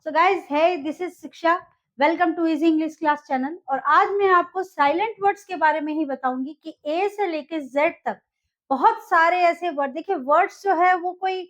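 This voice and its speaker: High-voiced woman teaching English pronunciation. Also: normal speed, a bit bright. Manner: repeats words and checks in with "ok" and "dekhiye"; mixes Hindi with English phrases. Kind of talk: explaining English pronunciation on a video lesson. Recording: slightly dull lo-fi audio.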